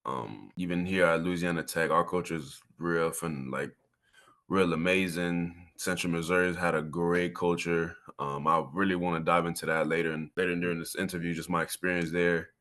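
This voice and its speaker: Speaking at a moderate pace with a steady tone, this young man's low voice has a fairly bright quality. He's a Miami college football player in his twenties, answering interview questions in a casual, earnest way and frequently repeating himself for emphasis.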